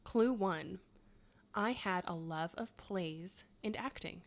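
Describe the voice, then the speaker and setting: In her thirties, this podcast co-host takes it slowly in a voice on the low side. She reads quiz clues, chats, laughs often, and drops self-mocking asides.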